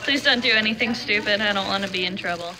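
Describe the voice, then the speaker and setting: A woman's voice: medium pitch, fast talker, poor audio. A woman chatting casually and teasingly, recorded on a handheld device in an indoor party room. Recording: busy room chatter behind.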